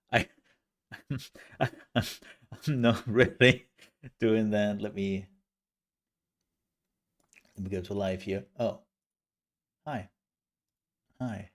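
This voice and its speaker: Low-voiced, slow-talking male streamer. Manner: rambling, laughing, animated storytelling. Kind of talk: casual live-stream chat.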